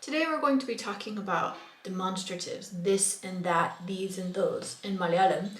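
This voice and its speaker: A woman's voice: mid-range voice, animated, very slow, roomy sound. A woman teaching a language lesson online, patiently repeating words for learners.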